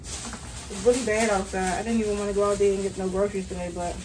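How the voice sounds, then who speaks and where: A woman's voice: medium pitch, steady tone, fast talker. A young woman chatting casually to viewers about her groceries while unpacking bags in her kitchen, hot and sweaty. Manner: chatty, addresses viewers as y'all. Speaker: vlogger and mother. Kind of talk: casual grocery haul vlog. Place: home kitchen, indoors. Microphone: camera on the counter, at a distance. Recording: distant camera mic, noisy room.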